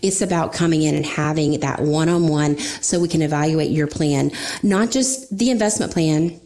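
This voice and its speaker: A woman's voice: low-pitched, moderate pace, mellow. A middle-aged woman talking informally as a financial advisor, explaining things in a conversational way. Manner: informal, explanatory, often says "you know". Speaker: financial advisor guest on a radio show. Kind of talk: conversational financial advice talk.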